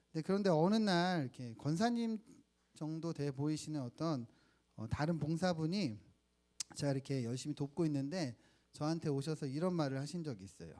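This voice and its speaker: A man's voice: on the high side, a little mellow. A man in his thirties preaching a sermon at church, telling personal stories and asking the congregation questions. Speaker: pastor. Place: church sanctuary.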